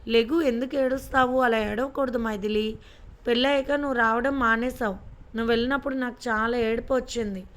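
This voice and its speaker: A woman's voice: a little high, fairly even intonation, a bit bright, close to an everyday voice. A woman reading the lines of a fussy, childlike middle-aged wife who complains and scolds. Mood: scolding. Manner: pouting, complaining, quick-tempered.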